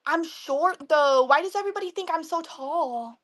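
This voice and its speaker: A Midwestern woman in her twenties chats casually on a live selling stream, answering viewers' comments. Her voice is high-pitched and fairly bright, at a moderate pace.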